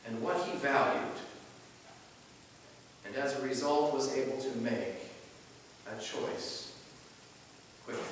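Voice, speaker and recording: Man preaching in an echoey church. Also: mid-range voice. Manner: measured preaching, rising on key phrases and dropping soft at line ends. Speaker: pastor. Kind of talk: sermon. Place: large church sanctuary. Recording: echoey church from far off, faint hiss.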